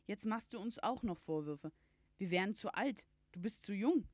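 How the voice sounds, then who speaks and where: A woman's voice: mid-range voice, lively intonation, normal speed, a little mellow, no echo, studio quality, natural voice. A woman voicing a stern, worried middle-aged father who scolds in a read-aloud storybook. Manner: grave, scolding.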